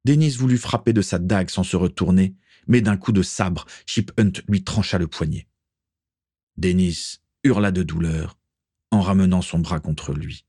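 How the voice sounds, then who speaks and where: A man narrating an adventure story in a steady, even reading voice. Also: deep voice, unhurried, husky, no room sound, studio quality. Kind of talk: audiobook reading.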